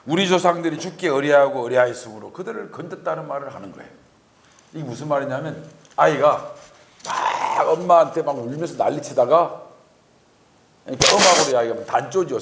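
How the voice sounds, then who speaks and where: A man giving a conversational Sunday sermon in church, acting out the voices he quotes. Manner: conversational, acts out quoted voices with rising pitch. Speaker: lay preacher. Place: church sanctuary.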